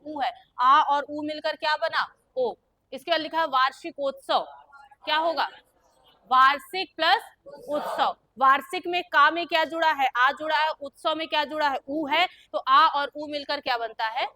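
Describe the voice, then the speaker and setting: A woman's voice: high-pitched, normal speed, sharp tone. A young woman teaching a grammar lesson, who keeps quizzing her students with questions and then answers them herself. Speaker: Hindi teacher.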